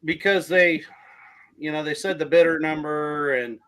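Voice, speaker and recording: Bright-voiced man. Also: on the high side, steady tone, normal speed, clear, resonant tone. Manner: plainspoken, hesitant restarts. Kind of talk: casual chat.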